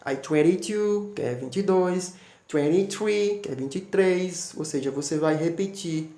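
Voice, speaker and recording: A man's voice: high-pitched, measured pace, warm tone. Patient man teaching, echoey room. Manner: patient, repeats "né?" often, spells words out letter by letter. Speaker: English teacher. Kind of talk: explaining English numbers to students.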